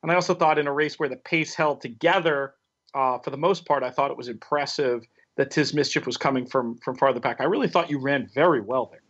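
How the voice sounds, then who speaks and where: A man's voice: medium pitch, fairly quick, a bit bright, dull audio. A man co-hosting a horse racing podcast, asking probing questions and breaking down races analytically. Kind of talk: casual podcast chat.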